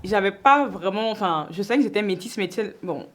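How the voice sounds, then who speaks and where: A woman from Côte d'Ivoire hosting an interview, friendly and chatty, quick to laugh. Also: mid-range voice, expressive. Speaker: host. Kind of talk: casual interview conversation.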